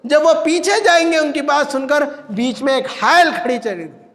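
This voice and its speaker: Male preacher, very high voice, Indian Urdu accent, fervent sermon, long hall reverb. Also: animated, a bit bright. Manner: impassioned, rising to cries and dropping low.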